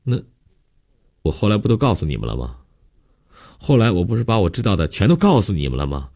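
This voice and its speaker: A man voicing a stubborn young woman in an audiobook, firing back quick protests at her questioner. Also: deep voice, very animated, darkish tone, pitched above the performer's own voice, exaggerated voice. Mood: defiant. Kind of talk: audiobook character voice.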